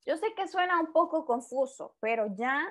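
A woman's voice: sits high, animated, normal speed, fairly bright tone. A woman teaching an English grammar lesson, explaining patiently, repeating example words and often checking with the class.

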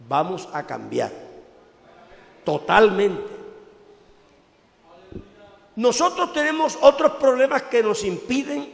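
Male pastor, high gravelly voice, preaching in a reverberant hall. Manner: preaching with sudden loud outbursts and quiet drops. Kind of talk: sermon.

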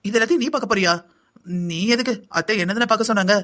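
A man's voice: high voice, rapid-fire, a bit bright. A man voicing a lazy, scheming young wife in a cartoon, whining and complaining in long sing-song lists. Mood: sly. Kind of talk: cartoon voice acting.

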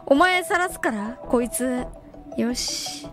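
A woman's voice: high-pitched, animated, slow pace, music in the background. A woman streaming a game, chatting casually and playfully scolding her viewers. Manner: playful, mock-threatening with chat.

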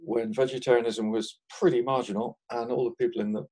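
A man in his sixties from England, a guest market gardener talking through his life in a relaxed interview, thoughtful and often chuckling, with frequent restarts. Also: medium pitch, fast.

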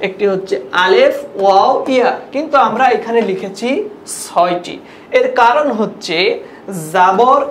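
A woman teaching a language lesson to viewers, explaining sounds patiently and repeating examples step by step. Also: fairly high pitch. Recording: echoey room with faint ambient noise.

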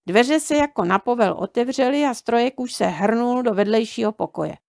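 Calm woman reading a children's story. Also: a little high, gravelly, no room sound, clean studio sound. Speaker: audiobook reader.

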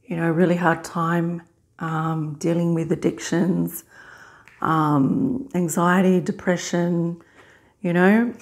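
A middle-aged woman in a casual mukbang vlog, chewing while talking in a halting, unhurried way with pauses to eat. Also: lowish voice, little pitch movement. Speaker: vlogger. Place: small indoor hospital room.

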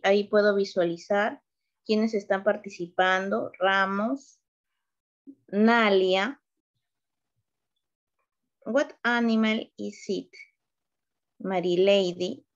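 A woman teacher running an online beginner English class, slow and patient, switching between English and Spanish. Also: medium pitch, lo-fi sound.

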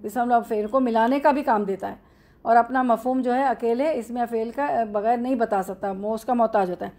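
A woman with an Urdu accent teaches a classroom grammar lesson in a slightly raised pitch. She moves step by step through the material. She often asks a question and then answers it herself. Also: fairly quick, a little mellow.

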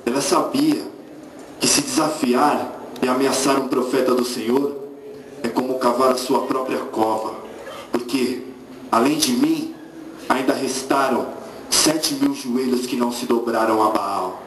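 A man's voice: medium pitch, steady tone, a little slow, fairly bright tone, lightly acted. An actor on a church stage playing a prophet who tells his story straight to the audience. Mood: confiding. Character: aging prophet addressing the audience directly. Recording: echoey hall, faint noise.

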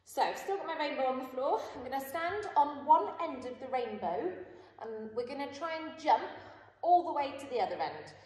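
A woman's voice: high-pitched, animated, normal speed, a little mellow. A woman in her thirties instructing young children like an upbeat kids show host, encouraging and sing-song while demonstrating moves. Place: large indoor gymnastics hall. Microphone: far camera. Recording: very echoey hall from a distance, faint noise.

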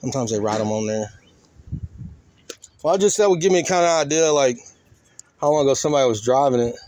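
A man with a mid-range, darkish voice talks fast as he hosts a car crushing vlog. He rambles casually and folksily around an outdoor junkyard, half talking to himself. The handheld phone or camera audio, with an operator behind it, carries faint outdoor noise.

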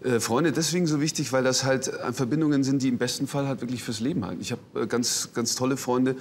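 A man's voice: medium pitch, quick pace, slight background noise. Reflective male talk show guest. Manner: reflective, hesitant, many fillers. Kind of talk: casual interview talk.

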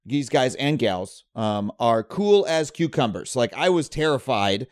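A man excitedly telling a personal story, rushing ahead and acting out what others said. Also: medium pitch, no echo, studio quality.

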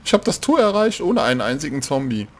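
A man commenting on a horror game in a casual, joking way. He mocks the characters on screen and drops to a hush when his character sneaks. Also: a little high, big pitch swings, quick pace. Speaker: let's play gamer.

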